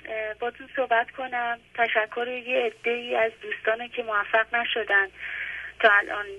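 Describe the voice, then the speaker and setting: A woman's voice: fairly high pitch, flat delivery, sharp tone. A woman calling in to a radio program from her home, speaking earnestly and gratefully with hesitant fillers over a phone line. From Iran. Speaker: caller. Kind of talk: phone-in call.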